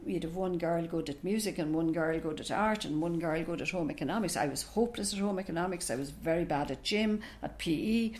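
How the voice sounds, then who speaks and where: Speaking with an Irish accent, a retired professor from Ireland, an older woman who grew up with Irish as her first language, gives unhurried, explanatory answers in an interview. Her voice is lowish.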